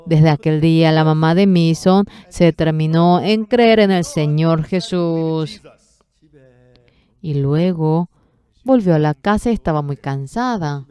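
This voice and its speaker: Female sermon interpreter, low mellow voice, unhurried, measured storytelling. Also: clean tone.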